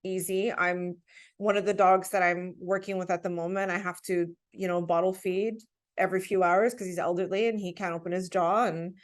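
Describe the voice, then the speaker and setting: A woman's voice: on the low side, flat delivery, moderate pace. Earnest, emphatic woman telling personal stories. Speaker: podcast guest. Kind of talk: conversational personal storytelling.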